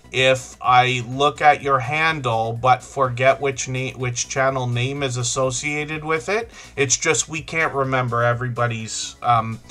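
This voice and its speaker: A middle-aged man hosts a livestream, rambling casually and greeting viewers one at a time. His voice is medium in pitch, bright, and forward, while soft music plays faintly in the background.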